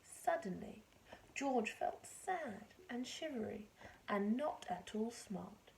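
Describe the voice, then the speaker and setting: Casting: female storyteller for young children, expressive, slow-paced, with lively swooping intonation. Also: on the high side, gravelly, low-quality recording. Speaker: teacher reading aloud.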